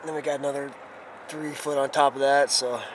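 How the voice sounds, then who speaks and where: A man doing a casual, unhurried vlog out in the woods, thinking aloud in a folksy way as he explores. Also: mid-range voice, level tone, rough recording. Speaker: outdoor explorer vlogger. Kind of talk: casual rambling vlog narration while exploring. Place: outdoors in the woods on a rocky hillside. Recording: clear outdoor background noise.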